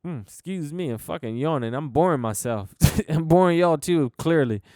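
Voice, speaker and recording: A man's voice: on the high side, expressive, normal speed, darkish tone, no room sound, studio quality. A young American man hosting a casual solo podcast, rambling and laid-back with many fillers and restarts, swearing casually. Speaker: podcast host.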